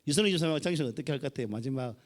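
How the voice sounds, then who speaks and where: A man's voice: medium pitch, animated, very fast. A middle-aged man with a Gyeongsang accent preaching a folksy sermon and joking with the congregation. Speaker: pastor.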